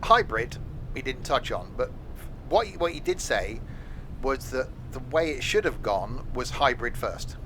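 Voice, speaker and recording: An English man chats through a live train game stream at an ordinary pitch. He rambles casually and drifts into jokey asides. A steady train rumble from the game sits faintly behind his voice. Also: a little slow. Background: train game sounds.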